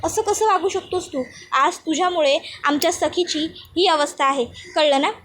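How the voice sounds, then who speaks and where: A woman's voice: extremely high pitch, normal speed, fairly bright tone, slight background noise. A woman voicing a reproachful middle-aged aunt scolding a young man.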